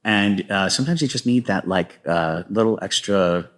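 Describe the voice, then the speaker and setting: A man with a lowish voice, speaking at normal speed, chats casually as a guest playwright in an interview. He talks about his own writing, telling stories and sliding into quoted lines.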